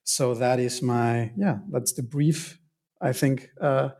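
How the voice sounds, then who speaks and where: A man from Argentina in his thirties talks as an interview guest, pausing often and restarting his sentences. His voice is husky, at an average pitch for a man. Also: fairly even intonation, a little mellow. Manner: hesitant, many fillers and restarts, laughs often. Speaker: guest, game studies scholar. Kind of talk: casual interview answers.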